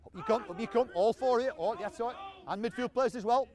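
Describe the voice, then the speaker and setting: A man coaching young football players on an outdoor pitch, calling out encouragement and instructions to them. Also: fast, darkish tone. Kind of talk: coaching players during a training drill.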